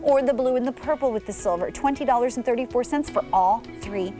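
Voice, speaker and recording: A woman's voice: fairly high pitch, brisk, music in the background. Chatty woman selling on TV. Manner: chatty, enthusiastic, digressive. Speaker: shopping channel host. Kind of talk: live TV sales pitch.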